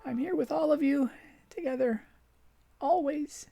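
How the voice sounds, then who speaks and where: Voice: unhurried, gravelly, dark tone, faint music behind. Henri, a reader voicing a dying girl. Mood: tender joyful. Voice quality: high, tearful, calling out. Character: dying young woman, delirious, childlike and pleading. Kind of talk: audiobook character voice.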